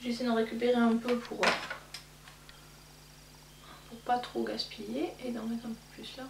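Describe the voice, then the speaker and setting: Recorded with a distant mic in an echoey room with a faint hum, a woman in her thirties chats through her makeup routine in a get-ready-with-me video, rambling and using many fillers. She speaks at a normal speed in a fairly high voice with vocal fry and little pitch movement.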